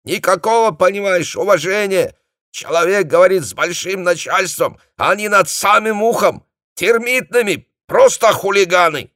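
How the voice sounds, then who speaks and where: A man voicing a young male company commander who shouts in a squeaky, agitated voice over a bad field phone line. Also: normal speed, no echo, studio quality. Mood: indignant.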